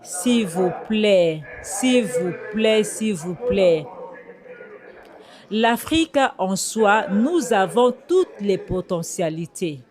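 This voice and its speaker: A man giving a hesitant address to a church congregation, pausing often with fillers and repeating words. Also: high-pitched, expressive, crowd noise. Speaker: speaker addressing a church service. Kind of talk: halting address with many fillers. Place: outdoor church gathering.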